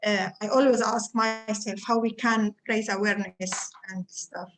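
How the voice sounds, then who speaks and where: A woman from Syria interviewing a guest, asking questions in a halting way with many fillers. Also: mid-range voice, fairly even intonation, fairly bright tone, soft background music, rough recording. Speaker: interviewer, community support coordinator.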